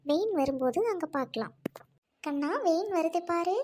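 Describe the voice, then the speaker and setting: Woman doing a stuck-up snobby mom, shrill high voice, trichy tamil accent, sniffy and fussy. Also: animated, normal speed, darkish tone, a little hiss or hum. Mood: haughty. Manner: haughty, disdainful, fussy. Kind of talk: comedy skit acting.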